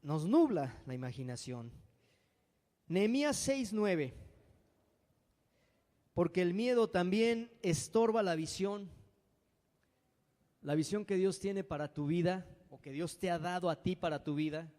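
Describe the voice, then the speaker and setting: A man's voice: sits high, lively intonation, a little slow, long pauses, a little mellow. A man preaching a sermon as pastor, dramatic and acting out frightened voices. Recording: long hall reverb.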